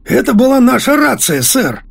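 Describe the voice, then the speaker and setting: A flustered, grumbling mustached airline captain exclaims in a raised, strained voice, as a man puts him on. His pitch leaps around restlessly and the tone is a little husky. He sounds permanently put-upon. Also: very animated, normal speed, a little mellow, soft background music, heavily acted. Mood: alarmed.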